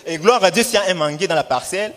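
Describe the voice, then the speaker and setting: A man's voice: high voice, fairly bright tone. A man performing punchy stand-up comedy, telling stories theatrically with acted-out dialogue and emphatic repetition. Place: live show in a hall. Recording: echoey hall, distant reverb, background noise.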